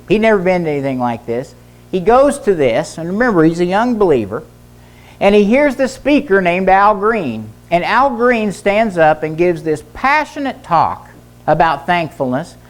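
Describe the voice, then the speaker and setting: A middle-aged man preaches at a church service, his delivery earnest and built on stories. He drives his points home by repeating short phrases, like a teacher who has told these stories before. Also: high-pitched. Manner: earnest storytelling with emphatic repetition. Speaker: pastor and teacher, former physician. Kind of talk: sermon.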